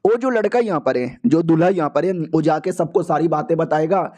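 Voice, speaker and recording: A man's voice: a little high, brisk, mellow, natural voice. A man voicing a scheming, bossy old grandfather in a casual, slangy way.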